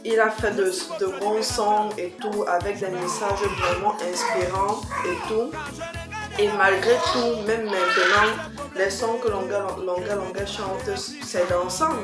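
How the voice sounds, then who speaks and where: A woman's voice: medium pitch, steady tone, a little slow. Echoey Cameroonian woman, emphatic vlog chat. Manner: emphatic, repeats herself, adds rhetorical tag questions. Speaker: vlogger answering tag questions. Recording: roomy echo, faint background music.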